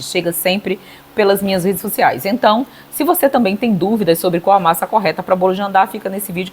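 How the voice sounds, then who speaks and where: A woman's voice: lowish voice, a little hiss or hum. A middle-aged Brazilian woman giving a casual cake decorating tutorial, chatty, checking in with her viewers with little tag questions.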